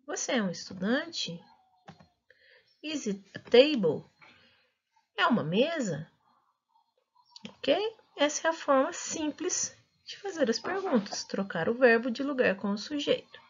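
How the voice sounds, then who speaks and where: A woman's voice: high voice, very animated, a little slow, long pauses, slightly rough. A woman with a Brazilian Portuguese accent, an English teacher carefully explaining grammar to her students and drawing out her example phrases. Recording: dull lo-fi recording.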